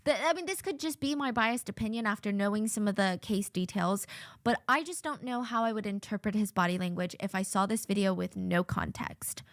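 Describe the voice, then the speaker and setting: A woman hosting a true-crime podcast, giving casual, opinionated commentary with drawn-out hushed asides. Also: medium pitch, dry recording, studio quality. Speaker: podcast host.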